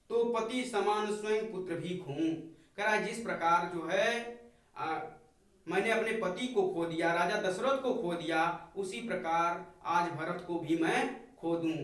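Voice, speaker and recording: A man's voice: high voice, a bit bright. A man teaching a poetry lesson. He recites lines of verse and then paraphrases them in plain words. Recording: very echoey room, voice far from mic.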